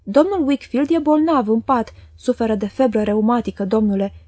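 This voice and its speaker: A woman's voice: on the high side, lively intonation, warm tone, no room sound, clean studio sound. A woman voicing a grave, ceremonious middle-aged male clerk in a storybook reading.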